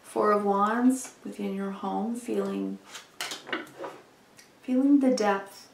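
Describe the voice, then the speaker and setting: A woman with a medium-pitched voice reads tarot in a mystical horoscope style. She guides the listener soothingly and without hurry. The recording is roomy and distant from the microphone. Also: steady tone, slow pace, gravelly. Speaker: tarot reader and channel host. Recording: roomy, distant mic with background noise.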